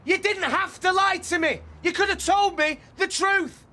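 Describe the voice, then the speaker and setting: A man's voice: very high-pitched, moderate pace, bright, forceful tone, exaggerated voice. A man playing a sarcastic, needling husband arguing with his wife in a TV soap. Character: sarcastic young husband in a row. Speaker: actor in a TV soap. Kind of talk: soap opera acting.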